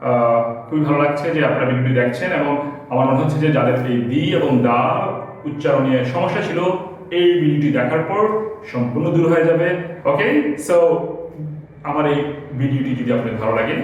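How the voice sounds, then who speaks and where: A man's voice: medium pitch, slight background noise. Bangladeshi male English teacher at a board, repeats and spells out examples, recorded in a very echoey room from a distant mic. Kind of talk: spoken grammar lesson. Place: classroom with a board.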